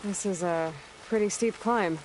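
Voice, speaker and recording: An actress playing a determined young huntress in a video game, speaking in an earnest, understated way. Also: female voice, mid-range voice, a little slow, darkish tone, a little hiss or hum, close to an everyday voice, low-quality recording. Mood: conversational. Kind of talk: video game character acting.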